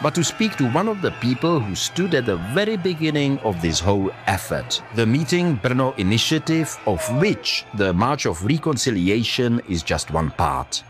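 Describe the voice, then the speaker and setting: A male reporter voices scripted news narration with a lively, rising and falling delivery. Music plays clearly beneath his voice. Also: mid-range voice. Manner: measured, reportorial.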